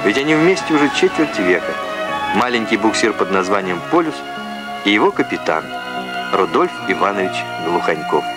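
A man's voice: on the low side, big pitch swings, fairly quick. A man reading scripted narration in the manner of an old Soviet newsreel. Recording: old film soundtrack with loud music. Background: loud music.

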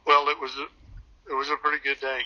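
A man's voice: medium pitch, completely flat delivery, brisk, pushed and bright. A man on a phone call played back through a speaker and re-recorded, answering curtly and wearily, repeating himself. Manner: curt, weary, repeating himself. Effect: phone call replayed through a speaker. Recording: muffled, distant re-recorded phone audio.

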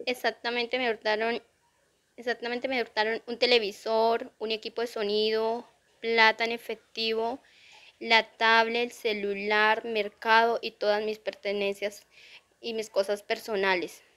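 Indignant woman with a flat voice. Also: a little high, measured pace. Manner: indignant, repetitive complaint. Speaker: burglary victim. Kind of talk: news interview testimony. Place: outdoors near a drainage channel.

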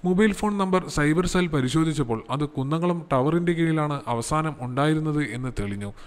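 A man reading a story aloud as its narrator in a steady, measured way. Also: on the high side, clear, resonant tone, long reverb tail.

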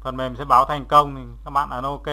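The speaker is a male instructor guiding listeners through software in stages, with a halting, teacherly delivery full of repeated steps. His voice sits in the mid range, and his tone is level.

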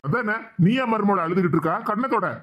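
A performer voicing a gruff, hot-tempered father-in-law in a cartoon, scolding in a Tirunelveli Tamil accent. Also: mid-range voice, quick pace, natural voice. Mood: angry. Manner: scolding, shouting orders. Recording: dull lo-fi sound.

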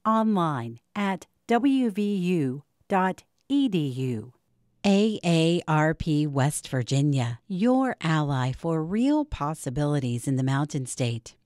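A woman announcer reads the sponsor credits in a measured, formal voice-over. Her voice sits very low, yet it moves around a lot in pitch. The recording is dry and close. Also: darkish tone, no room sound.

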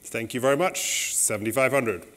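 A middle-aged man working as an auctioneer, calling bids in a saleroom in a brisk, polite, repetitive way. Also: medium pitch, a bit bright.

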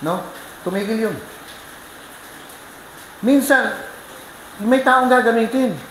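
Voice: mid-range voice, slow, roomy sound, slight background noise, poor audio. A pastor preaching a sermon, telling a story with energy and keeping the congregation involved with questions. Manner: lively storytelling, keeps asking the congregation questions. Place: church.

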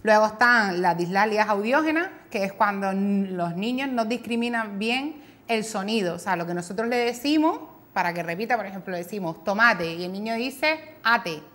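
A woman's voice: medium pitch, lively intonation, moderate pace, a bit bright. A woman with a Canary Islands Spanish accent speaks as a speech therapist on a talk show. She explains things patiently and methodically. Now and then she imitates children's mispronounced words.

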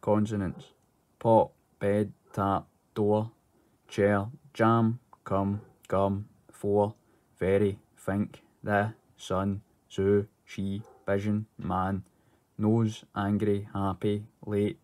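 A man's voice: lowish voice, monotone, extremely slow, darkish tone. A man from Glasgow with a Glaswegian Scottish accent, reading a script as an accent sample. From Glasgow, Scotland.

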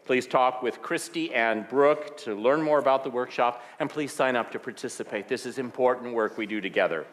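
A man leading a church service, reading the announcements and closing with a blessing in a gentle manner with light humor. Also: mid-range voice, normal speed, hardly any pauses. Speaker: minister. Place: large church sanctuary. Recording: long hall reverb.

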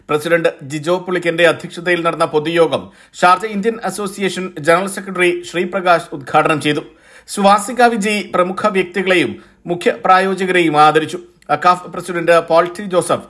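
Male newsreader from Kerala, higher-pitched voice, formal and measured voice-over delivery. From Kerala, India. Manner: formal, even reading of a news report. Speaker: news reader. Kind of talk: scripted news voice-over.

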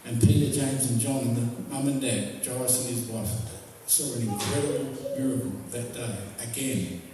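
A man's voice: mid-range voice, moderate pace, mellow, a little hiss or hum. A male pastor preaching a sermon, retelling a story vividly to his congregation. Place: church hall. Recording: echoey hall, distant mic.

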